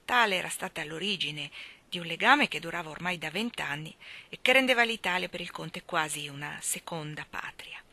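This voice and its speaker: Bright-voiced woman reading dramatically. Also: low voice, animated, moderate pace, gravelly. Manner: dramatic, shifting between hushed near-whispers and raised emphatic passages. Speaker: reader. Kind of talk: audiobook reading of a historical memoir.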